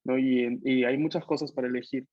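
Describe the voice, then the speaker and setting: A male language teacher talks a class through grammar, explaining patiently and ending many phrases with a questioning "no?". His voice sits at a middle pitch. The call audio is dry and a little dull and lo-fi. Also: steady tone, fast, no room sound. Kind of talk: online Italian class taught in Spanish. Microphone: computer mic on a video call.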